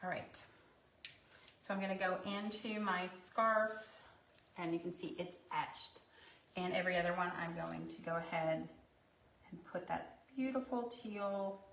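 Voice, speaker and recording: A woman's voice: on the low side, measured pace, fairly bright tone, slight background noise. Chatty woman in an echoey craft studio. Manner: chatty, rambling, jokey asides. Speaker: craft studio owner teaching painting. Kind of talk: casual craft tutorial. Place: her craft studio, indoors. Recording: echoey room, mic at a distance.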